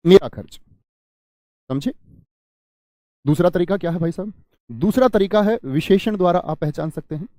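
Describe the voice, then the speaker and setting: A man's voice: high voice, a little mellow, dry recording, clean studio sound. A man teaching an exam-prep grammar lesson, who asks his students questions, answers them himself and repeats key phrases.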